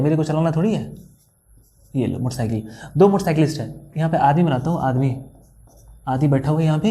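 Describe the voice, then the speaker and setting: A man doing A young Indian tutor talks students through word problems in a casual, joking way. His voice is tired and quiet, with a warm, dark tone. He speaks close to the mic. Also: a little high. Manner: chatty, teasing, talks straight to students, reads problem text aloud slowly. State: tired, speaking softly after a full day of recording. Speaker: maths tutor. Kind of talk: casual classroom explanation while writing on a board.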